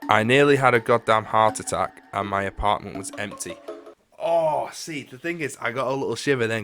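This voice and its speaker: Chatty man hosting a podcast. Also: fairly low pitch. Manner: chatty, animated reactions with drawn-out exclamations. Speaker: podcast host. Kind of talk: casual solo podcast, reading listener stories.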